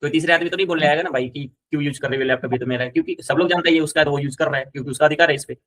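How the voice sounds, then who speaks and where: A man's voice: on the high side, fairly even intonation, very fast, a bit bright, no echo. A man teaching Spanish, patiently explaining and repeating examples. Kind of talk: casual one-on-one lesson.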